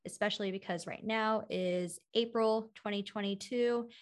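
A woman's voice: mid-range voice, steady tone, moderate pace. Woman podcast co-host, casual chat with plenty of fillers, easygoing delivery. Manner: conversational, many fillers.

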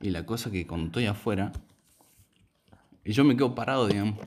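A man's voice: on the low side, lively intonation, a little fast, a little mellow, a little hiss or hum. A young man with an Argentine accent telling a rambling story in casual chat, full of slang and fillers. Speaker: podcast co-host telling a story.

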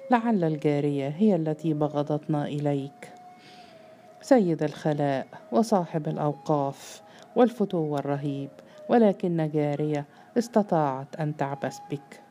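امرأة تؤدي دور ابن شاب غاضب متمرد يصيح بسخرية واحتقار في قصة مسموعة. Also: female voice, sits low, normal speed, a little hiss or hum, close to an everyday voice. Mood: furious. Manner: shouting, scornful. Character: furious, defiant grown son.

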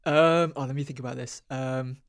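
A man's voice: medium pitch, steady tone, normal speed, clear, resonant tone, no room sound, clean studio sound. A nineteen-year-old man co-hosting a casual podcast, chatty, laughing often and trailing off with ums. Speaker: podcast co-host. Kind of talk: casual chat.

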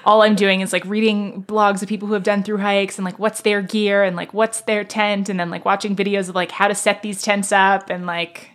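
A woman's voice: medium pitch, flat delivery, brisk, hardly any pauses. A woman from Manhattan with an American accent, chatting casually in a bubbly, self-deprecating way, peppering her sentences with "like". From Manhattan, New York. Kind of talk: casual conversational chat.

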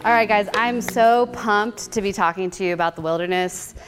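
Energetic woman giving a candid talk. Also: mid-range voice, normal speed, music in the background. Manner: energetic, candid, laughs at herself. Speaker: guest speaker. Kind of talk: teaching talk to an audience.

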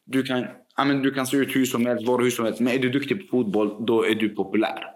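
A man recounting a story in casual chat. He acts out each voice and hesitates with fillers, his pitch sitting in the middle. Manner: animated, acts out dialogue, frequent fillers. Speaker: podcast guest telling a school story.

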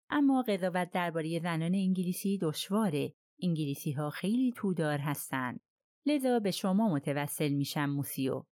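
A persistent foreign detective who questions with polite, coaxing persistence, as a woman narrating a mystery voices him. The voice sits low-ish, and the recording is dry and close. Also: darkish tone, no echo. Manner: probing, politely persuasive.

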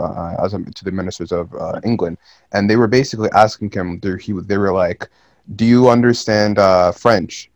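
A man's voice: deep voice, creaky, no room sound. A young man in casual podcast chat who tells a story hesitantly, with many "uh"s and apologetic interjections. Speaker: podcast co-host.

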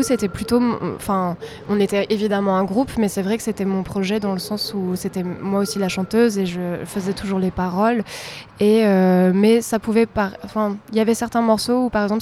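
A woman's voice: mid-range voice, warm tone, slight background noise. A young woman from south-east France, a singer-songwriter, answering interview questions in a conversational way.

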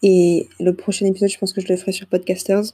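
A woman's voice: mid-range voice, level tone, fast, mellow, husky. A young woman hosting her own podcast, rambling casually with hesitations and self-deprecating asides, into a small microphone. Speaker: podcast host. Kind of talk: casual solo podcast chat.

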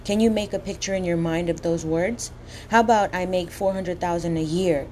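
A woman with a slushy lisp on her s sounds reads a scripted motivational talk as a coach, emphatic and deliberate, often putting questions to the listener. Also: on the low side, steady tone, a little mellow, slight background noise.

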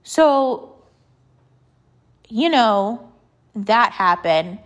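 A woman's voice: fairly high pitch, expressive, dull audio. Congested teenage girl talking casually. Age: late teens, 17. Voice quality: congested, stuffy nose. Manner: halting, filler-heavy, confiding. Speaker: podcast host. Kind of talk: casual personal monologue.

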